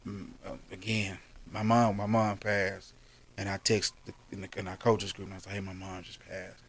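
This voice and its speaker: Laid-back man with a gravelly voice. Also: on the low side. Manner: laid back, calm, unhurried storytelling. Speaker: basketball coach, podcast guest. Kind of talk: casual interview talk.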